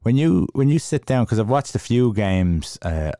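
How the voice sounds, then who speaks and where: A man's voice: on the low side, lively intonation, normal speed, warm tone, dry recording, clean studio sound. A man with an Irish accent, casually interviewing a guest as a podcast host.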